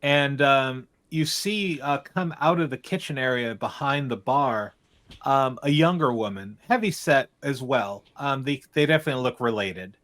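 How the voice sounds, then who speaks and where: Halting male game master. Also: medium pitch, a bit bright. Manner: halting, full of ums and uhs. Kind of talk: narrating a tabletop game.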